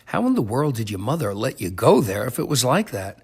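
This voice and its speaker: A man's voice: mid-range voice, very animated, brisk, breathy edge, voice pushed down. A man voicing an exasperated, pleading listener who keeps trying to stop a crude story. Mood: incredulous. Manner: pleading, incredulous.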